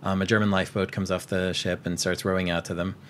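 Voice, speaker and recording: A deep-voiced man talks through a movie's plot in a relaxed, meandering way, filling pauses with ums and restarting his sentences. A faint rumble sits under the recording. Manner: rambling with frequent fillers and restarts. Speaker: podcast co-host. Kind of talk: casual film recap chat.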